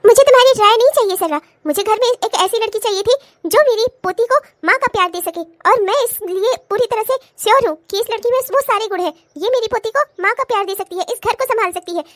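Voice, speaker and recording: A woman's voice: very high-pitched, a bit bright, dry recording, studio quality. A woman voicing a stern older mother-in-law and grandmother in a cartoon comedy, scolding and lecturing. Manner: scolding, then lecturing in a slow preachy way.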